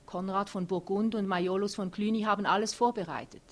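A woman reading aloud and voicing a patient man who calms his companion, with little change from her own voice. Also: mid-range voice, a little fast, lightly acted. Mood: soothing. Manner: soothing, defensive.

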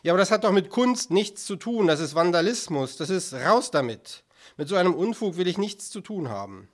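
A man's voice: on the high side, normal speed, fairly bright tone, voice pushed up, lightly acted. A man reading an audiobook, voicing an indignant, stiff male museum director who scolds in a raised voice. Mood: outraged. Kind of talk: audiobook character voice.

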